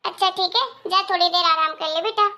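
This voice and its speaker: A woman's voice: very high voice, fairly quick, bright, forceful tone. A woman voicing a doting older mother. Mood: indulgent. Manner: soothing, indulgent. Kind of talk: Hindi moral story voice acting.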